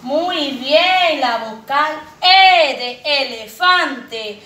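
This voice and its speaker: A woman preschool teacher giving an online phonics lesson, talking to small children in a slow sing-song with drawn-out words and coaxing questions. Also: sits high, lively intonation, sharp tone. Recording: echoey room, voice from a distance.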